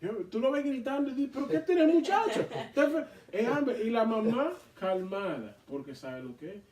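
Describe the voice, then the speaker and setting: A man leading a Bible study, reading scripture aloud and explaining it in an animated way to a responding group. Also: high voice, moderate pace. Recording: echoey room, mic far off.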